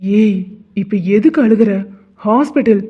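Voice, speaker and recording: A man's voice: sits high, unhurried. A man voicing an impatient, scolding young husband. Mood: irritated. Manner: irritated, scolding, dismissive. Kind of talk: animated drama voice acting. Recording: tinny phone-like sound.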